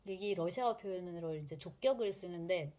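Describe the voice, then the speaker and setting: A woman's voice: lowish voice, brisk. A woman lecturing on literature in a casual, chatty way. She tells the story with energy and acts out the characters' lines. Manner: lively storytelling, acting out quotes.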